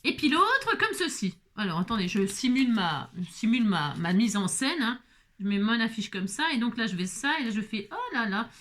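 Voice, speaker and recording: With a high, very animated and slightly bright voice at a normal pace, this French craft-video host keeps up playful chatter. She laughs often and talks to herself as she works through the tutorial.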